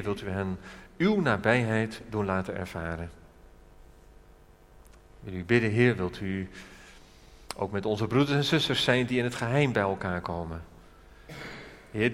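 A man's voice: medium pitch, fairly bright tone. Earnest man preaching in an echoing hall. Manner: earnest, drawing out key words slowly. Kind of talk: church prayer and sermon.

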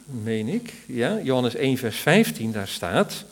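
A man's voice: medium pitch, very animated, a little slow. A man teaching from the Bible in a sermon, thoughtful and searching for words, rising to stress key words.

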